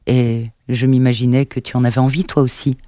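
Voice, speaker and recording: A man reading an audiobook, voicing a quick-tempered, guarded woman in her thirties with a lifted voice. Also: mid-range voice, level tone, mellow, no room sound, studio quality, natural voice. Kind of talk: audiobook narration.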